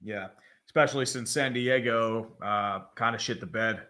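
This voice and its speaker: A man's voice: on the low side, moderate pace, sharp tone. A man co-hosting a live stream, talking about sports trades in a blunt, profane, rambling way. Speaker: co-host. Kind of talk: casual live-stream chat.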